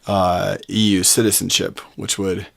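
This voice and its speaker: Speaking a little slowly with a low pitch and some vocal fry, a young man from the US chats casually to the camera for his vlog, relaxed and conversational.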